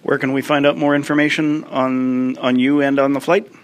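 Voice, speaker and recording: A male aviation reporter conducts a field interview, asking short, brisk questions. His pitch is average for a man, and he leads with a few uhs between his prompts. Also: flat delivery. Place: convention floor.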